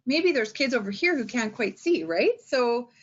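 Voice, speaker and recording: A schoolteacher gives reading-aloud tips in an informal instructional talk, her voice a little high and slightly rough, with lively intonation at a moderate pace. She delivers emphatically and theatrically, often checking in with the listener. The highs are cut off in the recording.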